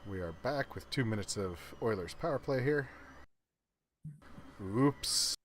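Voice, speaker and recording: A man co-hosting a casual fan stream, adding quick, wry remarks and joking with viewers. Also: mid-range voice, animated, a little hiss or hum. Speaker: co-host of a fan game-watch stream. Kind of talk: casual live game chat.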